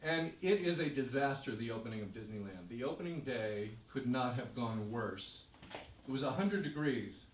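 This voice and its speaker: A man's voice: mid-range voice, lively intonation, normal speed, slight background noise. Male stage storyteller, vivid and emphatic; recorded from afar in an echoey hall. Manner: vivid, emphatic second-person narration. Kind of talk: live storytelling performance. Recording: roomy stage, distant mic.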